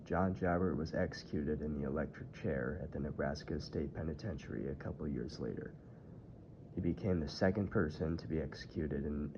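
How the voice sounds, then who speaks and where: A man giving a scripted true-crime narration as a tour narrator, in a measured, formal storytelling delivery. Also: extremely low pitch, mellow. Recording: muffled audio with clear background noise.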